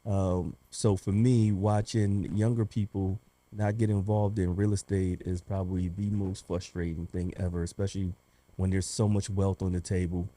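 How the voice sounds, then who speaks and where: A man co-hosting a casual talk show. His voice is low and very dark. He jokes with his co-hosts, then lays out his points in earnest. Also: level tone, moderate pace. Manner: teasing, then earnest when explaining. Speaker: podcast host, real estate agent. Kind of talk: casual group chat.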